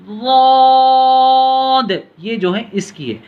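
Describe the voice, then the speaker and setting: A man teaching letter reading step by step. He calls out each letter name in a long, drawn-out tone, then explains quietly in a lower voice. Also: expressive, muffled recording. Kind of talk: patient step-by-step reading lesson.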